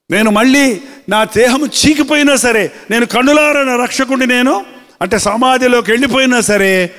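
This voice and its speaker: A man preaching a sermon as pastor, drawing out words slowly for emphasis and quoting scripture. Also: high-pitched, fairly bright tone, long reverb tail. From India. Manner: preaching with slow, drawn-out emphasis and quoted scripture.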